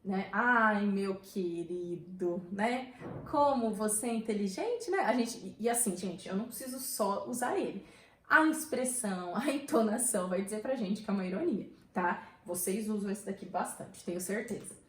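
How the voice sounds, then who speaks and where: A woman's voice: mid-range voice, normal speed. Brazilian woman, grammar teacher, chatty, tag questions, echoey room. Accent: Brazilian Portuguese. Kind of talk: online grammar lesson.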